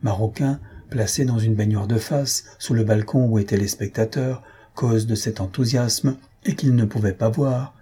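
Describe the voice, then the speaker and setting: Male storybook narrator, husky and dark-toned, lively with the shouted lines. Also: normal speed. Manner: lively, raises pitch for shouted crowd lines. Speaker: audiobook reader.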